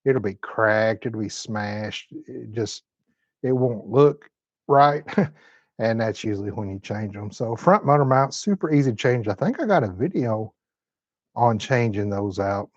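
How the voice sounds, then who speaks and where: A man's voice: lowish voice, lively intonation, measured pace, no room sound, dull audio. A man of fifty hosting a live-stream chat from his home, reading viewer comments in a folksy, laid-back Southern way. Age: 50s. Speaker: host.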